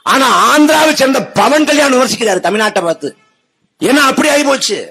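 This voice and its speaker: A man with a strikingly high, husky voice delivers a political speech. He mocks his rivals with heavy sarcasm and rhetorical questions, and his voice climbs to shouts. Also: expressive, fairly quick, low-quality recording. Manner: sarcastic, mocking, rising to shouts. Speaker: political speaker.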